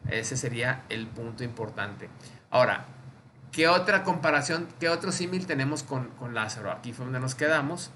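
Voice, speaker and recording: A man's voice: medium pitch, expressive, normal speed, sharp tone, slight background noise. A man with a Mexican accent leading an informal Bible study, explaining through little acted-out dialogues and often checking that he is understood. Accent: Mexican Spanish.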